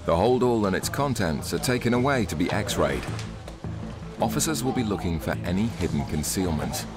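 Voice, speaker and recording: A man narrating a documentary in a measured, scripted voice-over. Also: deep voice, expressive. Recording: studio voice-over with loud music behind.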